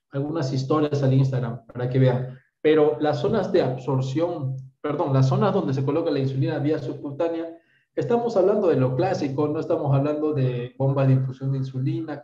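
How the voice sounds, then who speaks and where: A warm, mid-range male voice belongs to a Peruvian doctor in his thirties giving an online medical lecture with questions. He goes through things step by step, regularly asking "¿está bien?", in a Peruvian Spanish accent. His video call audio sounds dull, roomy, and far off.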